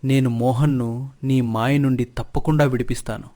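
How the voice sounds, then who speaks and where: A man's voice: medium pitch, steady tone, normal speed, warm tone, close to an everyday voice. A man voicing a wronged, pleading young wife.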